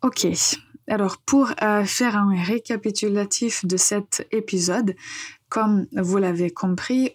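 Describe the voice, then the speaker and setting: Woman, language teacher, unhurried delivery, soft husky voice, podcast lesson. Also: mid-range voice. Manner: slow, patient, with frequent hesitations. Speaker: French teacher.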